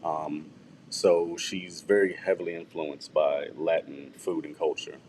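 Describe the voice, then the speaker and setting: A man's voice: a bass voice, flat delivery, a little slow, darkish tone, a little hiss or hum, low-quality recording. A man co-hosting a radio talk show, telling stories in a laid-back way and chuckling often. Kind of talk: casual chat.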